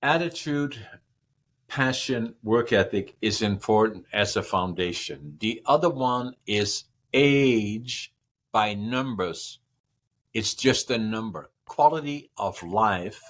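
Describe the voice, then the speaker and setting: On a podcast, an expressive man in his 80s from northern Netherlands speaks slowly in a low, fairly bright voice; Dutch is his first language. His casual interview answers stretch on at length, circling back over words and rattling off lists.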